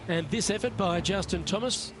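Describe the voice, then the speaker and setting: A man's voice: high voice, normal speed, lightly acted. A man playing a golf commentator in a video game, tracking players shot by shot. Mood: focused. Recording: crowd and clear background noise.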